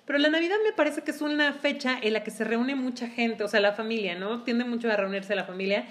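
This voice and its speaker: Woman, casual chat, animated, laughs a lot, higher voice. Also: brisk.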